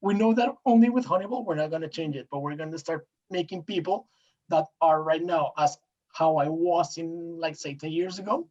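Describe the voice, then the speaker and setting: This Colombian podcast guest, a native Spanish speaker, talks in a casual interview with a Colombian accent, earnestly groping for words and filling gaps with lots of "eh." He speaks at normal speed in a somewhat high, slightly mellow voice, though the recording is dull.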